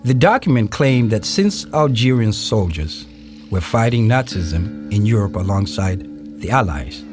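A man voices a grave narrator in a historical radio play, delivering scripted narration in a measured, deliberate, formal manner with pauses. His voice sits lowish and his mood is solemn and factual. Music plays in the background.

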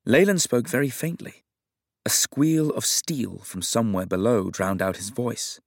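A man reading a novel aloud as narrator in a measured, even storytelling manner. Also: medium pitch, gravelly, no echo, studio quality. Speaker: audiobook narrator. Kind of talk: scripted narration.

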